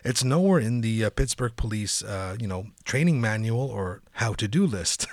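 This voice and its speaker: Male comedy talk host: animated, mock-official, casual news banter, dry studio sound. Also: lowish voice, normal speed, no echo. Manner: jokey, mock-official, chuckles often.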